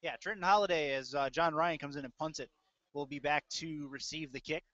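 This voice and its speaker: A play-by-play announcer calls a football game live in clipped fragments broken by hesitant asides. His voice is a little high, brisk and fairly bright. It's an audio-only stream on a close mic, and the recording sounds dull, lo-fi and dry.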